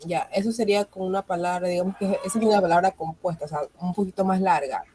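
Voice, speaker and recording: A woman's voice: on the low side, fast talker, mellow, slightly rough, low-quality recording. A woman student in an online class, asking hesitant questions and searching for her words.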